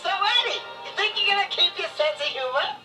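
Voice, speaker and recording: An actor voicing an excitable young male cartoon rabbit, narrating a storybook read-along in a high, wild, lisping voice. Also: brisk, recorded from a distance, over music. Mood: excited.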